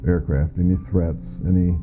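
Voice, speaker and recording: A low-pitched middle-aged American man, formerly an air traffic controller, describes events he witnessed, plain-spoken and matter-of-fact. He keeps a moderate pace with little change in pitch. The interview audio is muffled and lo-fi, with faint music in the background.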